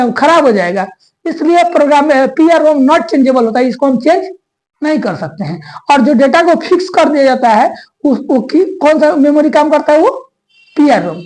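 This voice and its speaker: A woman's voice: sits high, darkish tone, rough recording. A woman teaching a computer lesson. She asks questions and answers them herself, repeating each key term. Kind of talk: explanatory classroom lesson.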